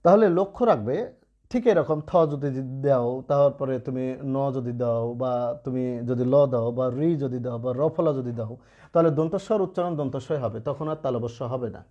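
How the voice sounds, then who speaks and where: A man's voice: mid-range voice, lively intonation, normal speed, warm tone, muffled recording. A man teaching Bengali pronunciation rules in an online lesson, patiently checking in with students as he explains. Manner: patient, asks students rhetorical checks often.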